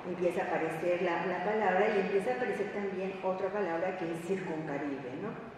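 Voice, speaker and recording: Speaking in a lowish voice with a Mexican Spanish accent, a woman academic presents semi-improvised remarks at a panel indoors. Reflective and halting, she pauses to search for words and uses tag questions; the recording is echoey, distant-miked, and faintly noisy.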